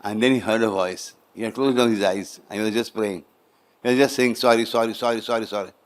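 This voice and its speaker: A man's voice: fairly low pitch, fairly quick. A man with an Indian accent, a spiritual teacher telling a story in a sermon, repeating phrases for emphasis and slipping into Hindi.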